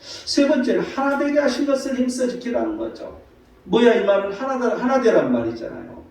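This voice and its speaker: A man's voice: very high-pitched, very animated, normal speed, gravelly, darkish tone, a little hiss or hum. A male pastor giving a Sunday morning sermon in a church sanctuary, citing scripture and posing rhetorical questions to the congregation. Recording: very echoey hall from far off.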